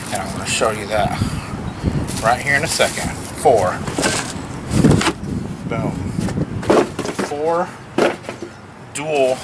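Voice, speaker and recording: Loud wind batters the microphone as a man talks outdoors in an average-pitched voice. He takes his time, chatting casually like a car vlogger showing off parts, with playful, showy little asides. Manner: informal, playful, showman-like asides. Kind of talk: casual unboxing and car modification chat.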